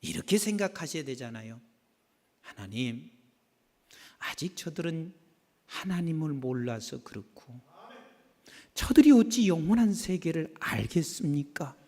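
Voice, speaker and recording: A male pastor preaching a sermon, swinging between hushed asides and shouted declarations. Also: on the high side, very animated, a little slow, long pauses. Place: church sanctuary. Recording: long reverb from a large hall.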